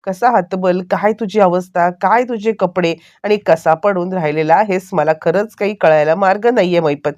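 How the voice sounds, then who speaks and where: A woman's voice: fairly low pitch, normal speed, hardly any pauses, darkish tone, dry recording, dull audio, natural voice. A woman voicing a scheming man who taunts a helpless captive. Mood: taunting.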